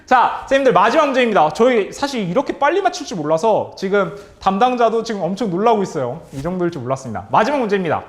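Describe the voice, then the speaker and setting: A man runs a quiz-style workshop for teachers in a high, bright-toned voice that swoops up and down with lively range. He is upbeat and animated, calling on his audience, cheering their answers and chuckling often. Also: fast, few pauses. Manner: chuckles often between remarks. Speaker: career-education trainer leading a teacher workshop.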